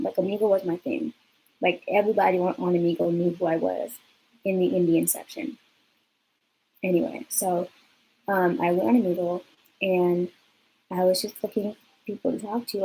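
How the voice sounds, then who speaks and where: A woman's voice: lowish voice, warm tone, a little hiss or hum, low-quality recording. A young woman from California telling a rambling personal story in a casual vlog, full of fillers and swearing. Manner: chatty, lots of fillers and swearing. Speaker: vlogger.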